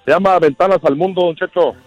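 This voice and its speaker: A man's voice: high-pitched, fast, no room sound, muffled recording, soft background music. A man calling in to a radio show, telling a rambling story in casual slang with hesitant restarts. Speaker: caller.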